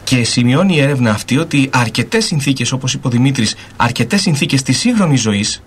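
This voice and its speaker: A man's voice: medium pitch, expressive, a little hiss or hum. A man on a radio discussion panel, explaining in a lecturing style and listing his points one after another.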